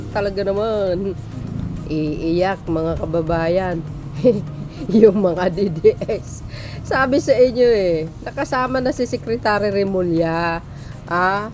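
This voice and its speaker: A woman's voice: mid-range voice, darkish tone. A woman vlogging casual political commentary, chatty and teasing, reading names aloud with frequent exclamations.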